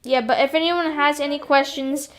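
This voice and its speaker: A woman's voice: high voice, steady tone, moderate pace. A woman hosting a live storm stream, giving weather commentary in a hesitant, self-correcting way. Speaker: host of storm livestream.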